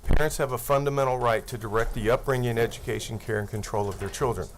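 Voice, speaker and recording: This is formal testimony from an attorney in his sixties, who addresses a legislative committee at a table microphone and reads legal language aloud earnestly and methodically. His medium-pitched voice is fast and fairly even, and the poor audio carries a little hiss or hum.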